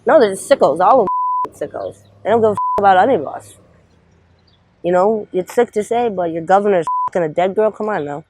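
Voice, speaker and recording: A woman's voice: mid-range voice, animated, fairly quick, background noise. Blunt streetwise woman in her twenties. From Trinidad. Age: 20s. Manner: blunt and streetwise, swears freely. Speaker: interviewee on the street. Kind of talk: candid street interview. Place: outdoors on a city street.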